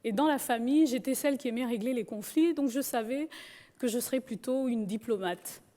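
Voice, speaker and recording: A woman's voice: fairly high pitch, fairly quick, dark tone. A woman from Gabon, telling her life story with humor. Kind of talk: personal storytelling talk.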